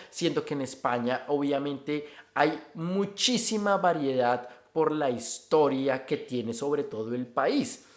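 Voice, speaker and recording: On the high side and heard in a reverberant space, this Bogotá-accented Colombian man talks reflectively about migrant life for a casual opinion video. He chains his points together with "entonces" in a conversational way.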